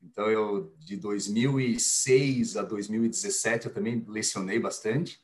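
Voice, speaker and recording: A man in his forties from Curitiba, Brazil, with a Curitiba Brazilian Portuguese accent, a podcast guest talking in a relaxed, friendly, chatty way. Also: lowish voice, measured pace. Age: 40s. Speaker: podcast guest, business executive. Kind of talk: casual podcast chat.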